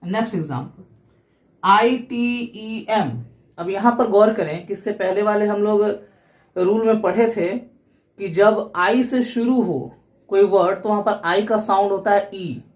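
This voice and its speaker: A woman's voice: mid-range voice, a little mellow. A woman teaching English pronunciation, explaining rules step by step and spelling words out letter by letter.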